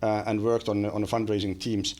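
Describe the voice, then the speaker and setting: In a small room, a boom-arm studio mic records a Finnish man in his forties chatting casually as a podcast guest, his accent clear and his speech full of fillers and restarts. He talks at normal speed with a lowish, darkish voice and level tone.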